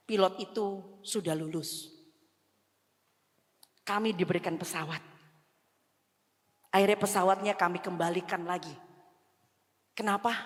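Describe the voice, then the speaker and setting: A woman from Indonesia preaching at a church revival, telling her story with emotion and mixing English phrases into her talk, rising to pleading cries. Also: fairly low pitch. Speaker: guest speaker at church revival seminar. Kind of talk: emotional testimony sermon. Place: church hall. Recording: long church-hall reverb.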